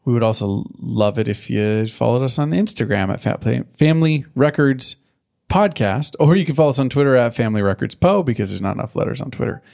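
Gravelly-voiced man hosting a podcast. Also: mid-range voice, lively intonation, darkish tone. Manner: joking, quick to riff. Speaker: podcast host. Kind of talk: casual chat and show plugs.

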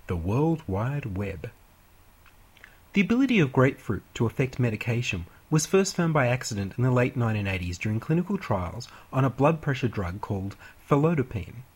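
Male science narrator, medium pitch, rough husky tone, very varied melody, scripted explanatory read. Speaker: science radio presenter.

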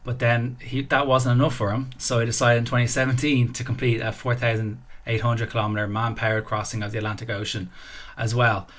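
Male podcast host, mid-pitched and fairly flat in intonation, casual interviewing style. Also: brisk.

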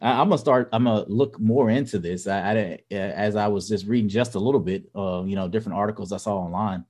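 A man in his thirties co-hosting a podcast, talking casually and haltingly with many restarts. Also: on the low side, a little mellow. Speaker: podcast co-host. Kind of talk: casual chat.

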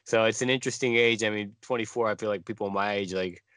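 A man in his mid-twenties, a guest answering casually in a halting way with many fillers. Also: on the low side, steady tone, a bit bright, smooth, dry recording. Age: 20s. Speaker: guest musician. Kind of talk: casual conversational interview.

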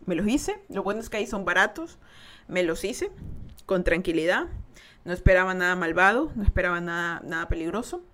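A woman's voice: fairly low pitch, animated, fairly quick, fairly bright tone. A young adult woman hosting a podcast, telling a personal story in a casual, emphatic and blunt way, swearing freely. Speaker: podcast host.

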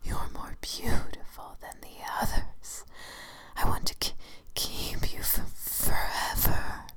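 A clingy shadow ghost. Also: female voice, slow, a bit bright. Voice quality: breathy unvoiced whisper. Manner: pleading, stammering, repeating itself. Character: whispering shadow ghost of a violent husband, clingy and menacing. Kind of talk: horror story narration.

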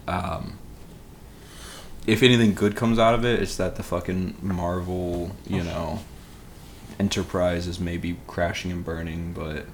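This low-pitched twenty-something man is a podcast co-host rambling casually about films, his speech packed with fillers. A little hiss or hum sits underneath the recording.

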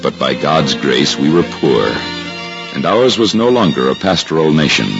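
A very deep-voiced, devout husband looks back on sacred days in a solemn, measured, formal manner. The sound is a dull 1950s radio drama recording with prominent music behind him. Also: male voice, lively intonation. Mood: reflective, solemn. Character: Joseph, gentle devout husband recounting his memories.

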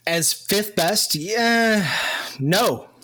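A man's voice: high voice, extremely slow, sharp tone. A man co-hosting a casual podcast, interjecting with profane banter. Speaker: podcast co-host.

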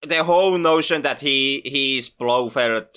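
A man with a bright, crisp, clear voice co-hosts a movie podcast. He talks in measured, considered sentences and slips in dry jokes. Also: mid-range voice. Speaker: podcast co-host. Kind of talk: casual film podcast chat.

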